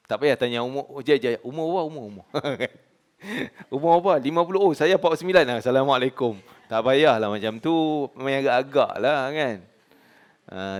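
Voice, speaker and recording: A man in his forties with a Malaysian Malay accent, teaching a hadith study class in a conversational way, often asking the audience "kan?". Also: medium pitch. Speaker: religious teacher.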